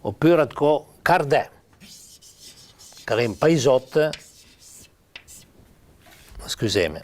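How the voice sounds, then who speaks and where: Older man, Piedmontese accent, informal lesson, halting delivery, lively pitch. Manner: halting, with many pauses and fillers. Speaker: writer teaching Piedmontese spelling.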